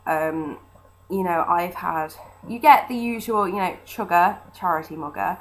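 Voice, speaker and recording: Lower-pitched British woman, chatting casually. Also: measured pace, low-quality recording. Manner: chatty, conversational, thinking aloud. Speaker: former street fundraiser. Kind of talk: casual informal monologue about personal work experience. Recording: noticeable background noise.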